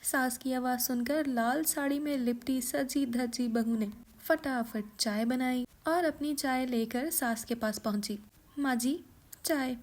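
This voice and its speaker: A woman's voice: high voice, a little slow, hardly any pauses. Woman narrating a cartoon story. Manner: plain storytelling.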